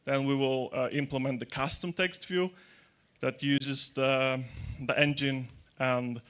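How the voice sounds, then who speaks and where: A man with a clear, resonant, fairly bright voice of medium pitch speaks a little slowly and steadily. He's giving a chatty, joking tech conference talk on a handheld mic in a large, dark hall with an audience, with hesitant restarts and non-native grammar.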